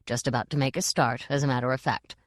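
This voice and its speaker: A woman's voice: extremely low pitch, steady tone, quick pace, no echo, clean studio sound, pitched below the performer's own voice. A woman voicing a cheerful, earthy old witch who chats in a cheeky way.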